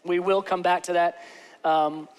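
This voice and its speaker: A man in his forties preaching a sermon as pastor on a large church stage, joking and often asking the crowd "okay?", slowing down on key words. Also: sits high, little pitch movement, clear, resonant tone.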